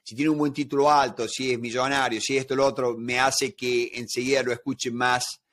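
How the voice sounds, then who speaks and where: A man's voice: medium pitch, flat delivery, moderate pace, a bit bright, slight background noise. A man with a Rioplatense Spanish accent, a negotiation expert talking as a guest in an interview and explaining his points through everyday examples. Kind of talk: conversational interview.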